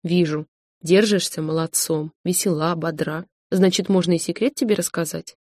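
A woman reads as a scheming woman with a soft, coaxing manner, in a dry and close audiobook recording. The voice sits lowish and stays smooth and persuasive. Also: fairly even intonation, moderate pace, dry recording, natural voice. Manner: gentle, coaxing.

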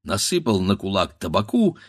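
A man narrating a classic folk tale as an expressive, dramatic storybook reading. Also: sits low, moderate pace, dry recording, studio quality.

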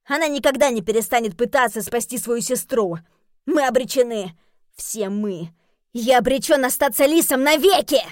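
Female reader doing a high, loud, sulky fox guy in a storybook, whiny and worked up. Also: moderate pace, no room sound, clean studio sound, lightly acted. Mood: despairing. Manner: whiny, indignant outbursts. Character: grumpy dramatic male fox, sulky and loud.

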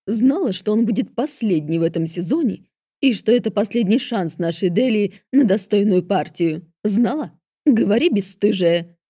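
A woman's voice: medium pitch, sing-song, a little slow, gravelly, few pauses, warm tone, breathy edge, no room sound, studio quality, heavily acted. A woman voicing a domineering middle-aged stepmother who barks harsh scolding orders. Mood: enraged.

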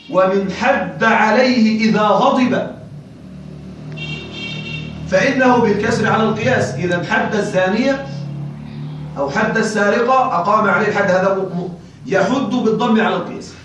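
A man teaching a classroom lesson, questioning his listeners often and slowing down to spell out word forms. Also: sits high, fairly bright tone, heavy reverb, recorded from a distance, rough recording. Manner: checks on listeners with frequent questions; slow and deliberate when spelling out word forms. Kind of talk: classroom lecture on Arabic grammar.

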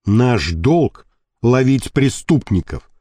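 A man reading an audiobook, voicing a blustering militia captain who speaks slowly and bluntly. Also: on the high side, big pitch swings, warm tone, dry recording, studio quality. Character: brash, swaggering militia captain, male.

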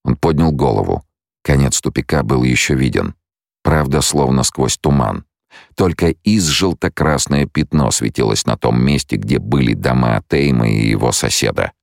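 A man narrating an audiobook in a measured storytelling manner. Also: extremely low pitch, expressive, gravelly, dry recording, clean studio sound. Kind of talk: scripted narration.

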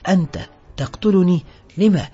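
A man's voice: high-pitched, moderate pace, warm tone, breathy edge. A man playing a frightened pleading thief. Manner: pleading, anxious protests. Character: frightened pleading middle-aged male thief. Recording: dull lo-fi with faint music.

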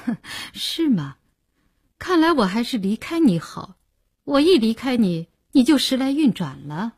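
A woman's voice: a little high, very animated, unhurried, a little mellow, slightly rough, no room sound, clean studio sound, heavily acted. A woman playing a cold, scornful woman. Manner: curt, scornful. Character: cold, sarcastic woman fed up with her partner.

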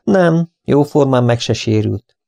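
A man's voice: mid-range voice, animated, creaky, warm tone, no echo, voice pushed up. A man reading an audiobook, playing a breezy, flippant young man with a light, offhand manner.

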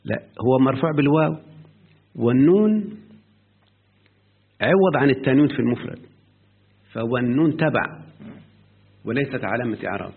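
A man's voice: medium pitch, animated, creaky, slightly rough. A man with an Egyptian Arabic accent teaching a grammar lesson, often quizzing his student as he explains. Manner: questioning the student often, drawn-out quoting. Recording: tinny lo-fi phone-like line.

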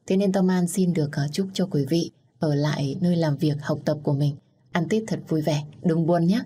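Low-voiced woman audiobook host. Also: normal speed, slightly rough. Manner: warm, formal greetings with fillers. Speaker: audiobook channel host and narrator. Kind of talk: scripted audiobook narration.

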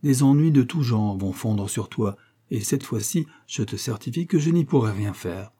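A man's voice: mid-range voice, animated, moderate pace, dark tone, breathy edge. A man reading an audiobook and voicing a level-headed young male engineer who teases and scolds his servant. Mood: scolding. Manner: teasing and scolding.

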